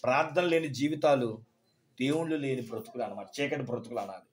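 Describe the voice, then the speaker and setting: A man's voice: medium pitch, fast. A male pastor giving a sermon, telling stories and asking the congregation questions.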